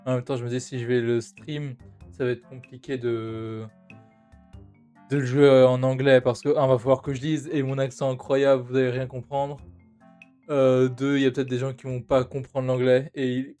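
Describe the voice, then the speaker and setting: A man's voice: medium pitch, little pitch movement, normal speed, warm tone. Chatty male streamer with faint music. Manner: chatty, hesitant, many filler sounds. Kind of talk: casual gameplay commentary.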